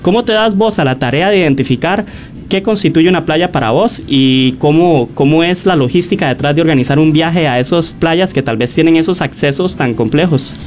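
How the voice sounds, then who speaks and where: A man's voice: on the high side, fairly quick, slight background noise. A Costa Rican man interviewing a guest on the radio, asking long winding questions with fillers.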